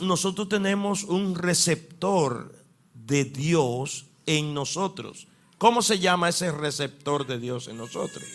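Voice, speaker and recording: A man's voice: a little high, bright, forceful tone. A man preaching a sermon to a congregation, asking them questions and pushing his voice up for emphasis. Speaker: pastor.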